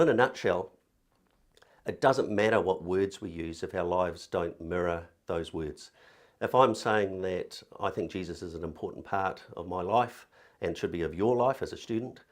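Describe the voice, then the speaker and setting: Speaking earnestly and thoughtfully to camera, a religious education director with a New Zealand accent gives a talk in a low-pitched voice, now and then using fillers and repeating words.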